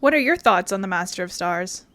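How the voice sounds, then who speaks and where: A woman's voice: medium pitch, animated, brisk, fairly bright tone. A woman doing gameplay commentary and reading dialogue lines aloud. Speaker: let's player reading game dialogue. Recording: game music behind voice.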